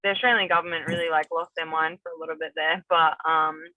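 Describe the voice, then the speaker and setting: A woman's voice: low voice, fairly even intonation, fast, pushed and bright, no room sound. A young woman from New Zealand, an MMA fighter, chatting casually as an interview guest, rambling with many fillers and restarts. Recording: tinny phone-like remote call, dry.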